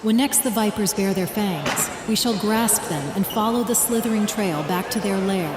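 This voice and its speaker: A woman with a mid-range, lightly acted voice plays a fervent, devout religious leader in an audio drama, calling her people together. She delivers first-person narration, speeches and prayers in a solemn, deliberate, declamatory style, sounding fervent and resolute. The hall is echoey, with ambient noise behind her.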